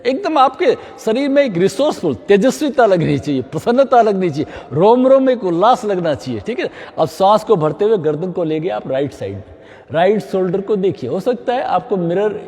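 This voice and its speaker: A middle-aged man guides a yoga class, his voice high and lively as it rises and falls. The tone is mellow and a little husky. It carries a long reverb from a hall. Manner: mixes English phrases into Hindi, frequent "है ना?" check-ins. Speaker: yoga instructor.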